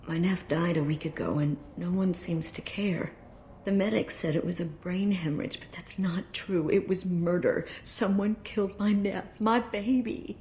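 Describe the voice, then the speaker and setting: An actress voices a bereaved mother in a video game, middle-aged and despairing. Her voice sits a little low, heavy with sad sighs and tears. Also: normal speed, a little mellow, a little hiss or hum, lightly acted. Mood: tearful grief. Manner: sad, sighing, tearful. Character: grieving mother of a murdered daughter, despairing. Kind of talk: game voice acting, dramatic dialogue.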